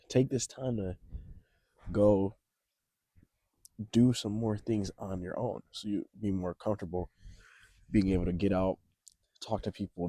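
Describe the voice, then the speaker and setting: A young man with a lowish, dark-toned voice records a vlog with no room sound. Shivering on a cold, windy, snowy beach, he speaks hesitantly and reflectively, giving casual, rambling advice to camera in a shaky voice.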